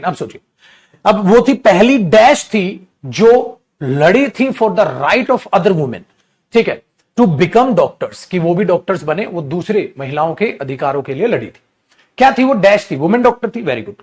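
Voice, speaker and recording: Male grammar teacher, high-pitched, animated, coaxing online lecture delivery. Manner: animated, addresses students as "beta"; drawls sentences slowly while writing. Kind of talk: online exam-prep lecture.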